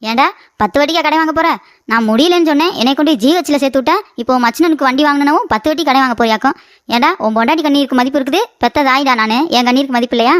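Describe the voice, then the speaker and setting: Woman playing a cartoon mother-in-law, older, high voice, rapid, sarcastic, dry close mic. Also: dry recording, lightly acted. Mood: scolding. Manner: scolding, quick and sarcastic. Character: bickering sharp-tongued older mother-in-law. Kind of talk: cartoon comedy voice acting.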